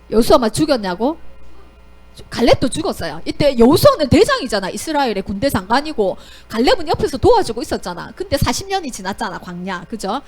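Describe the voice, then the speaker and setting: Brief: lively woman teacher, high and sing-song, quizzing children through a Bible story. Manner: animated, asks the children questions. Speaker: Sunday school teacher.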